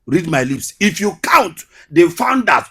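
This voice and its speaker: Male interview guest, Igbo accent from Nigeria, high-pitched husky voice, emphatic storyteller. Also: big pitch swings, unhurried, fairly bright tone. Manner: emphatic, repeats phrases for effect. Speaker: guest, comedian and skit maker.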